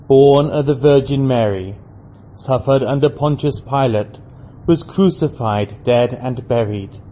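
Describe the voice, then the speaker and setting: A man's voice: medium pitch, dark tone. A man reciting creed and prayers in solemn, formal liturgical phrases. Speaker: prayer leader. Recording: clear background noise, room ambience.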